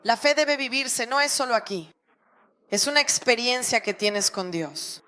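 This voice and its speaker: A woman pastor preaching a sermon to a congregation, with animated rises and drops of emphasis. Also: on the high side, unhurried.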